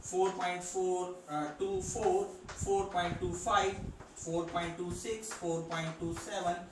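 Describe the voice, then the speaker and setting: A man's voice: sits high, flat delivery, measured pace, recorded from a distance. Man, maths lesson, step-by-step explaining, very echoey room, faint background hiss. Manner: explains step by step, counts along while drawing, asks rhetorical questions. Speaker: maths teacher. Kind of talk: whiteboard math lesson.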